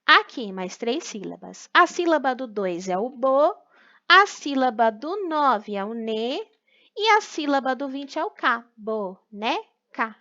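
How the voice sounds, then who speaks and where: A woman's voice: high-pitched, very animated, unhurried, bright, forceful tone, dull audio. A Brazilian woman teacher explaining a remote lesson step by step, patiently checking in with her pupils. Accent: Brazilian Portuguese. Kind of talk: recorded remote class lesson.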